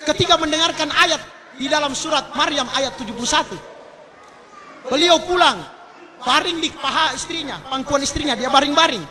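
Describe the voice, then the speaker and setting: Fervent high-voiced preacher. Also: male voice, pushed and bright. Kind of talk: sermon at a mass religious gathering. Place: large public gathering. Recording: crowd audible behind the voice.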